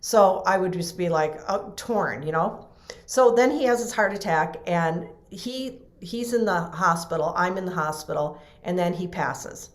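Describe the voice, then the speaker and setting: A woman's voice: fairly low pitch, lively intonation, measured pace, roomy sound. A woman in an interview telling an emotional personal story earnestly, acting out what others said. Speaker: guest. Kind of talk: casual storytelling in a podcast interview.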